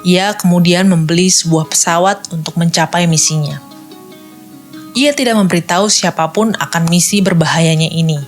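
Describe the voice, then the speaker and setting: A woman narrating a children's history story in a clear, even storytelling manner. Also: fairly low pitch.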